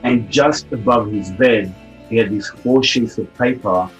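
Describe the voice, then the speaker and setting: A man's voice: lowish voice, measured pace, faint music behind, poor audio. A middle-aged man giving a heartfelt personal testimonial about a seminar, telling a family story earnestly. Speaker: event attendee giving a testimonial.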